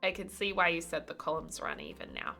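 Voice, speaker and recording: Playful woman streamer, bright and animated. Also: lowish voice, fast, vocal fry, faint music behind. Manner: playful, chatty, slips in and out of put-on accents. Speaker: live streamer. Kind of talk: casual live-stream chat while playing a building game.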